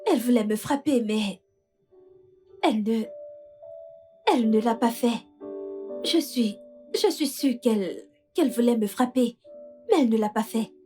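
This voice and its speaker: A woman dubbing a shaken young daughter who recounts events in a hesitant, halting way. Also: fairly high pitch, warm tone, lightly acted. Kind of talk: dubbed film acting. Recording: music clearly behind.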